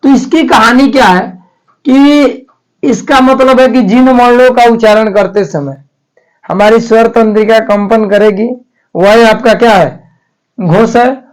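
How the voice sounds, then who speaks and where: A man's voice: very high voice, unhurried, poor audio. A man teaching a grammar lesson for exam prep in a chatty, repetitive way, asking and answering his own questions. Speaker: Hindi teacher.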